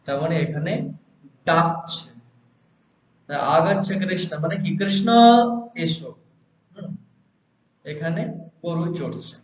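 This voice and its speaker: A man teaching a grammar lesson, who explains step by step and asks and answers his own questions. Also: on the high side. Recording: echoey, dull lo-fi room recording with faint hiss.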